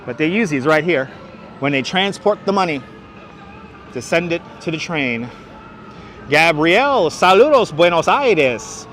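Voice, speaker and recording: Strolling busy Manhattan streets, a man with a thick Brooklyn accent hosts a livestream walking tour, chatting casually and commenting on the street. His voice is a little high and a bit bright, sing-song and unhurried, with frequent pauses. Traffic noise comes through clearly, along with vehicles and street ambience.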